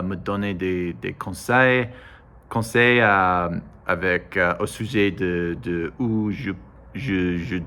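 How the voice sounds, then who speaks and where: A man from the United States, a native English speaker with an American accent, talks casually in broken, halting learner's French, hesitating and correcting himself often. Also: on the low side, sharp tone, smooth. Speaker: vlogger. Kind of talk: casual monologue to camera.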